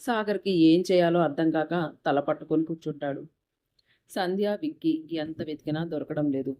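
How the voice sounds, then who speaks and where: A woman narrating a moral story in a steady, even reading voice. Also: deep voice, moderate pace.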